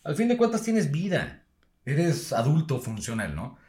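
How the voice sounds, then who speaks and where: A Mexican man with a fairly high voice that swings widely in pitch, spinning anecdotes full of crude slang. He sounds like a casual podcast guest. The room gives his voice a noticeable echo. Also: very animated, measured pace, darkish tone. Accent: Mexican Spanish. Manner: storytelling with crude slang, acts out drunk clients. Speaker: guest, owner of designated-driver service.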